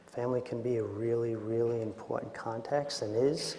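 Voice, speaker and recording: Halting Queens man lecturing in an echoey hall. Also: medium pitch, fairly even intonation, dark tone, a little hiss or hum. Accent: Queens, New York. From Queens, New York, United States. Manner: hesitant, halting, self-deprecating. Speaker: doctor presenting at a medical training. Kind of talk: informal conference lecture with slides. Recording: echoey hall with long reverb.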